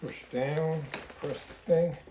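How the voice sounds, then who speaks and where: A man hosting a car restoration channel casually explains each step of his work from inside a car in a garage. His voice is on the high side, slow and fairly even in intonation, with background noise present.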